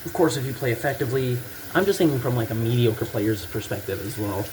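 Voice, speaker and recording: Rambling man over clear background noise. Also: medium pitch, animated, quick pace. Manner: casual, rambling, hesitant thinking aloud. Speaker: gaming video maker. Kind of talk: rambling unscripted game commentary.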